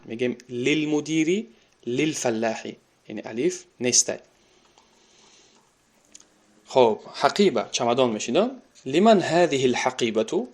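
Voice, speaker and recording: A man with a Tajik accent teaching an Arabic grammar lesson. He reads each Arabic sentence, repeats it and then translates it. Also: medium pitch.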